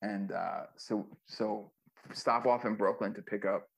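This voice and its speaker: A man with a somewhat low, gravelly voice talks through an interview as a former music manager. He tells his stories loosely and profanely, with plenty of fillers and restarts. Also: steady tone, unhurried. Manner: loose, profane storytelling with many fillers and acted quotes. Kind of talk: casual storytelling interview.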